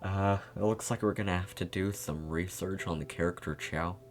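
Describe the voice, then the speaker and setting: A man's voice: sits low, fairly even intonation, moderate pace, music in the background. A male streamer rambling through a game playthrough, laughing often as he talks. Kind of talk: casual game playthrough commentary.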